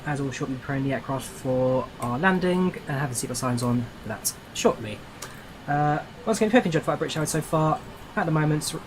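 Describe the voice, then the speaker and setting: A man's voice: mid-range voice, close to an everyday voice. Man playing an airline captain, noisy cabin announcement. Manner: polite, formal scripted phrasing. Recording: steady background noise, cabin ambience.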